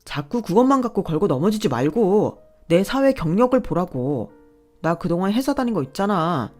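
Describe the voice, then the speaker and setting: A woman's voice: on the low side, expressive, moderate pace, darkish tone, faint music behind, natural voice. A woman voicing a greedy, boastful husband who whines and makes demands. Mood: pleading. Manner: entitled, whining, bossy.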